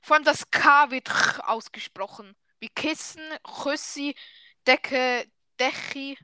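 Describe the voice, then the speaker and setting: A woman's voice: high-pitched, unhurried, sharp tone, clear, resonant tone, no room sound. A woman, casually teaching a friend words in a playful, teasing way. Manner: playful, teasing, laughs often. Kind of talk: casual chat.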